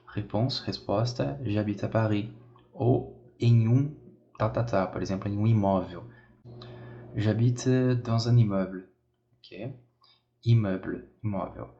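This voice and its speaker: A man's voice: fairly low pitch, fairly even intonation, normal speed, warm tone, a little hiss or hum. A Brazilian man with a Brazilian Portuguese accent, teaching a beginner French lesson step by step and often checking in with his students. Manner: explains step by step, repeats phrases, checks in with "tá?". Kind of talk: bilingual language lesson. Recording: dull lo-fi audio.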